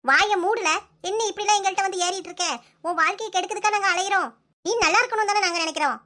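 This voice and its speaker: A bossy, sharp-tongued cartoon mother-in-law, voiced by a woman, with a Kanyakumari accent. Her voice sits extremely high and bright, and the scolding comes out in a fast, relentless stream. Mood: complaining. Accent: Kanyakumari Tamil. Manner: scolding, rapid-fire nagging. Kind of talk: comic cartoon voice acting.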